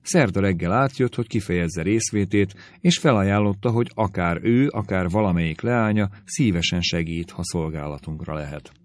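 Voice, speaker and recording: Man voicing gentle young woman, measured, low voice, dry studio audiobook. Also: no room sound, lightly acted. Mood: anxious. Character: gentle, careful young woman, elder sister. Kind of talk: audiobook character reading.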